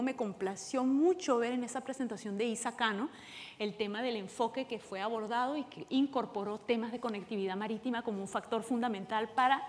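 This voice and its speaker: Venezuelan-born woman presenting in a hall. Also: fairly high pitch. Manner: explanatory, hurried, many fillers. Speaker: conference panelist. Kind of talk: conference presentation. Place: large conference hall.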